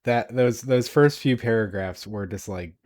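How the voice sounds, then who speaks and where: Brief: young adult man, low-pitched, enthusiastic podcast co-host who swears and stumbles over restarts. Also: measured pace. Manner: excitable, swears freely, restarts a lot. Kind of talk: casual chat.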